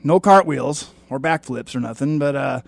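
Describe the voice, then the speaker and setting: A man appearing as a musician guest on a radio show, upbeat and quick to laugh. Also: mid-range voice, gravelly, dry recording. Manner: upbeat, laughs often, lively delivery. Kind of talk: casual radio interview.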